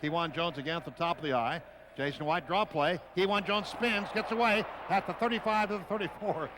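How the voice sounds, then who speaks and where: Here the American radio voice sits high, with fairly even intonation and a fairly quick delivery. He gives clipped, brief play-by-play of a live football game from an outdoor stadium, and the broadcast is noisy.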